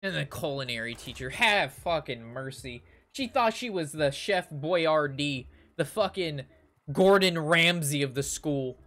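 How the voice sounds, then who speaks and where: With a little high, bright voice and a forceful tone, a young man tells his stream chat ranting stories while playing a card game. He swears freely, sounds exasperated and keeps repeating himself, all in a casual way.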